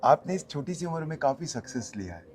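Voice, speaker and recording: A man's voice: a little high, big pitch swings, soft background music. Reflective older man in his sixties. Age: 60s. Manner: measured, reflective, encouraging. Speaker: interviewer, police officer. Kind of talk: casual conversation.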